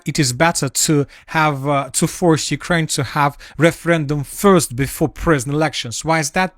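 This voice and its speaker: A man with a manner giving a solo spoken analysis of war news, halting often with fillers and restarts. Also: fairly high pitch, a bit bright, no room sound, studio quality. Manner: halting, many fillers and restarts, non-native phrasing.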